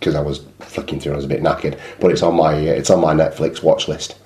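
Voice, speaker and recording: A man with a very deep voice co-hosts a casual sports podcast. His humour is dry and wry, tucked into loose, friendly chat. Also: little pitch movement, fast, darkish tone. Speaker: podcast co-host.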